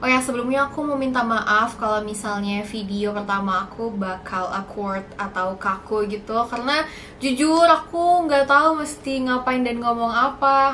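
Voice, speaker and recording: A woman's voice: fairly high pitch, a bit bright, echoey room, slight background noise, low-quality recording. A young woman in a casual Q&A vlog, chatty and a little nervous, mixing in English words. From Indonesia. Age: young adult. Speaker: YouTuber.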